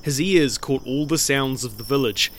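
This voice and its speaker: A man's voice: medium pitch, a little hiss or hum. Man narrating a dramatic legend. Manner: measured, expressive. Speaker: storyteller.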